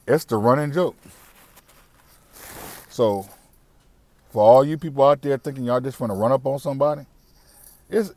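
A middle-aged man vlogs to camera from a parked car, using a wired earbud mic for his casual commentary. His mid-range, slightly mellow voice delivers a blunt, preachy rant full of slang and cussing, and he keeps repeating his points.

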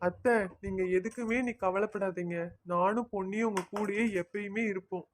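A woman's voice: mid-range voice, steady tone, normal speed, slight background noise, lightly acted. A woman voicing an earnest, loyal young son-in-law in a cartoon who reassures his mother-in-law.

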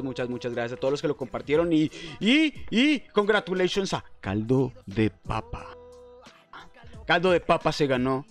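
A young man with a Colombian Spanish accent giving casual, slangy, playful commentary as a gaming streamer, speaking close to a desk mic. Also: on the high side. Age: young adult. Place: indoor room at a desk. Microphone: desktop microphone close in front.

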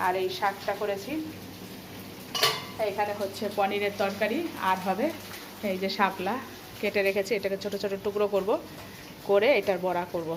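A woman's voice: mid-range voice, flat delivery, normal speed, pauses often, noisy background. A middle-aged housewife chatting through her home cooking step by step in a casual vlog, recorded in her kitchen. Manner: chatty, explains each step. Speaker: housewife vlogger.

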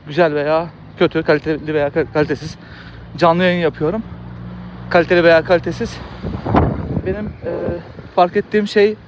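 A man's voice: high-pitched, highs cut off, slight background noise. A man who makes videos, talking in a loose, rambling way with frequent laughs and restarts. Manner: chatty, laughs often, many fillers and restarts. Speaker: video creator. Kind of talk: casual rambling monologue.

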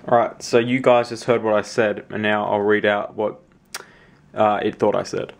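A man's voice: on the low side, little pitch movement, moderate pace, vocal fry. A man with an Australian accent hosting a tech channel, casually demoing a gadget in a matter-of-fact, self-deprecating way. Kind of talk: casual product demo.

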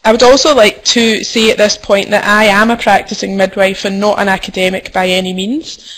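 A woman's voice: mid-range voice, little pitch movement, a little fast, a bit bright, poor audio. A young adult woman with a Scottish accent, a midwife giving a conference presentation over a web call, friendly and formal with frequent ums. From Scotland. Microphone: computer mic over web conferencing.

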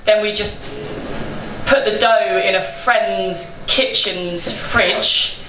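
A woman's voice: mid-range voice, steady tone, very slow. Chatty woman swearing on stage. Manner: chatty, swears freely, laughs through her words. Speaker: bakery co-owner telling its story. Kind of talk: casual storytelling on stage. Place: small indoor event space with a seated audience. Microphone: handheld microphone. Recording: roomy live-event sound, picked up from a distance, with room noise.

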